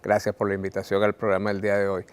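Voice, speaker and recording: A Venezuelan man, a writer, speaking earnestly and reflectively to the viewer about his life, with frequent "eh" pauses and repeated words. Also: fairly low pitch, completely flat delivery. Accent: Venezuelan Spanish. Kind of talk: reflective personal talk to camera.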